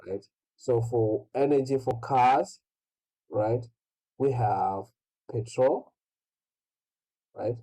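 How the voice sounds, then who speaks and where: A man teaching an online English lesson, slow and patient, asking "right?" after nearly every phrase. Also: medium pitch, dark tone, rough recording. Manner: slow, repeats "right?" constantly.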